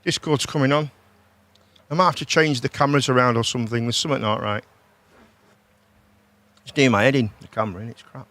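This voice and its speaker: A man's voice: mid-range voice, steady tone, brisk, pauses often, a bit bright. A British man hosting a casual livestream, chatting informally, repeating himself and often ending on tag questions. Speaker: host.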